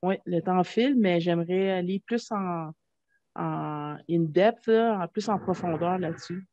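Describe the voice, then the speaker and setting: A woman's voice: on the low side, unhurried, mellow, no echo. A woman with a Québécois French accent hosting a video-call interview, talking hesitantly with fillers and restarts. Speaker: host. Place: small room at home. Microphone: desk microphone. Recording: dull lo-fi video call audio.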